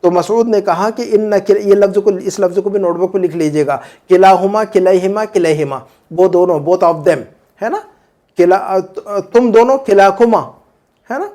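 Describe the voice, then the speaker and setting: A man teaching an Arabic grammar lesson, repeating word forms slowly and checking in with listeners as he explains. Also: high voice, warm tone. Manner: frequent "hai na" checks with listeners.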